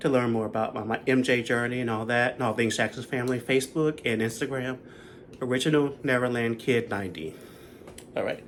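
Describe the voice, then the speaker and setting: A man's voice: medium pitch, a little fast, a little hiss or hum. Chatty man in his thirties. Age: 30s. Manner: chatty, rambling fan recap. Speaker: concert vlogger. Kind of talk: casual chat.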